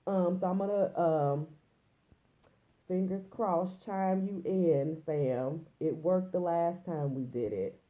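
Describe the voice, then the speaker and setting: Woman host, low-pitched, congested and nasal, chatty livestream delivery, muffled lo-fi audio. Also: slow. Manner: chatty, greets viewers by name. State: congested and a little nasal from a cold. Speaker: host of a live broadcast. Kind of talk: casual livestream chat.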